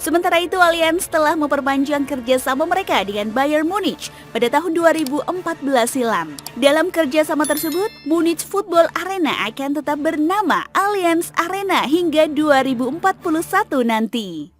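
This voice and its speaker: A woman narrating a scripted football explainer in a steady, informative read-aloud delivery. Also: sits high, normal speed, faint music behind.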